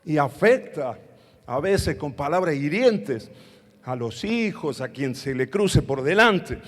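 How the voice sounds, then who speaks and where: Argentine pastor preaching, keeps asking the congregation to answer, lots of hall reverb. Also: male voice, on the high side, sing-song, takes it slowly. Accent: Argentine Spanish. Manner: preaching with call-and-response questions to the congregation. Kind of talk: sermon. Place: church hall.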